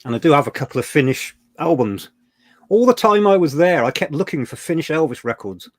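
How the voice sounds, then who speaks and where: This older English livestream co-host reminisces casually, chatty and emotional, with some mild swearing. His voice is fairly high and animated, and he talks a little fast. The sound is clean studio audio with no room sound.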